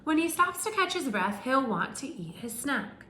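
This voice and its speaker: Her voice is high and her pace normal as this woman teacher animatedly reads a picture book to young kids and quizzes them along the way. The recording has room echo and a faint hum.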